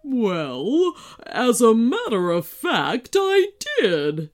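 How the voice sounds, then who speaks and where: Storybook: woman doing a small, nosy male gardener, slow and folksy, lively swoops. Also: fairly high pitch, heavily acted. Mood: wary. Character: small old male castle gardener, suspicious.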